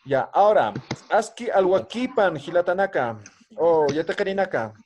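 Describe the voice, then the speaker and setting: A man's voice: high-pitched, lively intonation, normal speed, darkish tone, slight background noise. A man teaching an online language class, patiently drilling greetings and often ending phrases with a questioning "¿no?".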